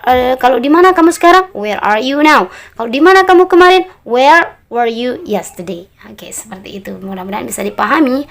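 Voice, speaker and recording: A woman teaching an online English grammar lesson, explaining step by step and mixing English phrases into her explanations. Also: on the high side. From Lombok, Indonesia.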